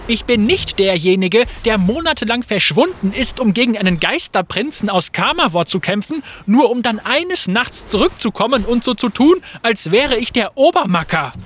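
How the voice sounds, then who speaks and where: Male narrator doing a cocky swindler in an audiobook, raised, biting and bright. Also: high-pitched, sing-song, normal speed, hardly any pauses, voice pushed up, full character voice. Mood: taunting. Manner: taunting, loud and mocking. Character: brash, quick-tongued male gambler swindler.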